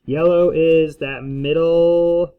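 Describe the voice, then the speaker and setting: Guy teacher explaining stuff casually step by step, bit high voice, muffled lo-fi recording. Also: fairly even intonation, slow, clean tone. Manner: checks in often with "okay?". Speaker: school teacher. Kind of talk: casual instructional screencast. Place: indoors at a desk, recording a screencast. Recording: slightly dull lo-fi screencast audio.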